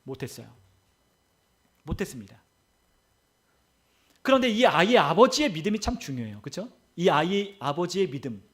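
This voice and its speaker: Man, pastor, sermon, high voice, repeats phrases for emphasis, asks the congregation questions. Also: big pitch swings, moderate pace, long pauses. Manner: preaching with rhetorical questions and repetition. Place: church sanctuary.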